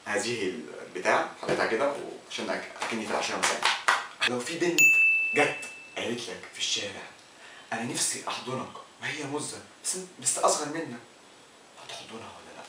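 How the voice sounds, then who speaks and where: A young man with an Egyptian Arabic accent hosts a comic Q&A vlog, joking and switching between mock-serious mumbling and loud outbursts. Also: lowish voice, animated, fast, heavy reverb, distant mic, heavy background noise. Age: young adult. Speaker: comedy YouTuber.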